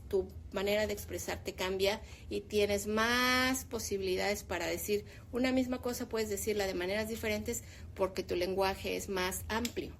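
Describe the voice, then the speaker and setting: Gravelly-voiced woman in her fifties. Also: mid-range voice, a little hiss or hum. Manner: opinionated, animated when making a point. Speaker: teacher. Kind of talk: casual discussion.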